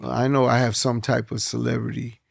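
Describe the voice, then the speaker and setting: A man's voice: mid-range voice, flat delivery, normal speed, creaky, no echo, studio quality. A man in his fifties, a podcast guest, speaking earnestly and reflectively and often restarting his words. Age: 50s. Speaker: guest, film producer. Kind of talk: casual chat.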